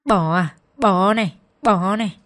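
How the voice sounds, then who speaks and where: A woman's voice: mid-range voice, unhurried, a bit bright, close to an everyday voice. A woman voicing a crude, violent young man, an ex-husband who swears and threatens as he talks. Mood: raging.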